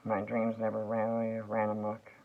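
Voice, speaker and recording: A man drifts through a rambling vlog monologue, pausing and restarting as he goes. His voice sits low and crackles with gravel, and the sound is thin and tinny like a phone. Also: completely flat delivery. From United States. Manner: slow, meandering, halting with fillers and restarts.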